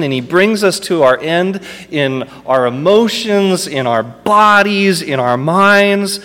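A man's voice: on the high side, fairly bright tone, in a large hall. A man preaching a sermon as pastor, with impassioned delivery that builds to emphatic peaks.

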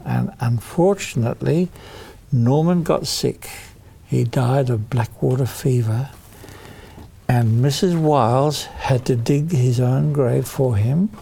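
A man tells children a story with deliberate, dramatic emphasis. His voice is gravelly and husky with a mellow tone, and he takes his time. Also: mid-range voice.

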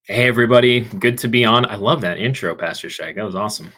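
A man's voice: on the low side, fast, bright, forceful tone. A man in his thirties, a pastor guest on a podcast, explaining his views earnestly. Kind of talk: podcast interview answers.

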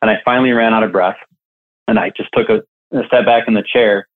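A man's voice: on the low side, steady tone, fast. A man who coaches staffing businesses, telling a candid, reflective story in an interview. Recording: tinny phone-like line.

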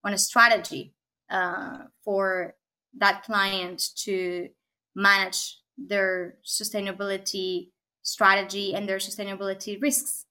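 Thoughtful and often pausing, this Argentine tech consultant answers podcast interview questions, restarting, using fillers, and tagging sentences with "right?". Her mid-range voice is level, bright and forceful.

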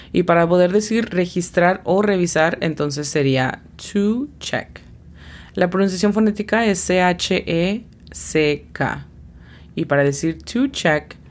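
A woman's voice: on the low side, normal speed, darkish tone. A woman teaching an English lesson who patiently spells out each word's pronunciation letter by letter. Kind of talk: scripted language lesson.

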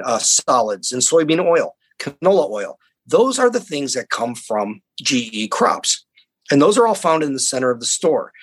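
A man's voice: mid-range voice, husky, poor audio. A man, a university scientist, speaking as a guest in an interview, explaining things in an earnest, plain-spoken way. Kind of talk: conversational interview.

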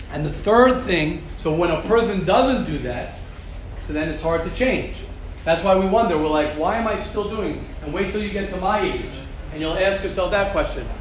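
High-voiced rabbi teaching a class. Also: male voice. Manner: repetitive, rhetorical questions, Yiddish-Hebrew terms. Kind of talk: Torah class talk. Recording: echoey room with background noise.

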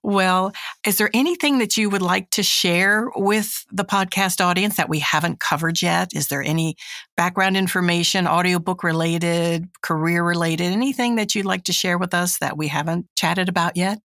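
A woman hosting a podcast, chatty and quick to laugh as she asks her guest questions. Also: fairly low pitch, a bit bright, no echo, clean studio sound. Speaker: podcast host. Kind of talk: casual interview chat.

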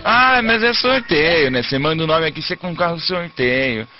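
A male radio host with a higher voice that leaps around in pitch. He talks with theatrical mock outrage. The broadcast sound is dull, with music playing behind him. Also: normal speed. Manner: animated, bursts into mock outrage and shouting. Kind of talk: call-in radio talk. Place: radio studio.

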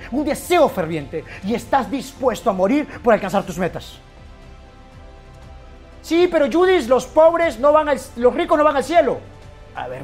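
A man giving an impassioned motivational speech, swinging between loud bursts and hushed, intense lines. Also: high-pitched. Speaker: motivational speaker.

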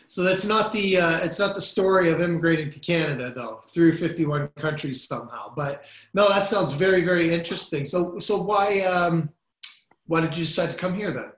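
A man's voice: fairly high pitch, moderate pace, fairly bright tone, reverberant. A man hosting a podcast interview, friendly and casual with many fillers. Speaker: podcast host.

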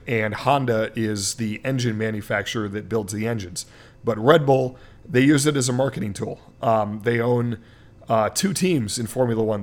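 A man co-hosting a sports podcast, explaining racing at length in a casual chat, with many fillers. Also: mid-range voice. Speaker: podcast co-host.

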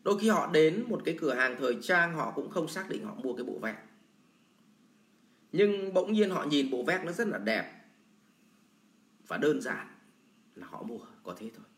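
A man's voice: a little high, very animated, moderate pace, long pauses, fairly bright tone. A man teaching sales in a blunt, colloquial lecture full of everyday examples. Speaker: sales trainer. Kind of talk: lecture answering a viewer question. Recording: roomy echo.

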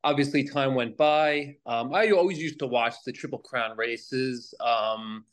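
A man's voice: medium pitch, measured pace. A man from Long Island with a New York accent, a podcast guest chatting casually in a rambling, self-deprecating way.

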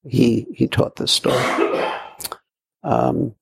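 A man's voice: medium pitch, flat delivery, slow pace, gravelly, breathy edge. A man giving a Zen dharma talk, telling a story in a rambling way with repeats and fillers. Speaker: Zen teacher. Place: meditation hall.

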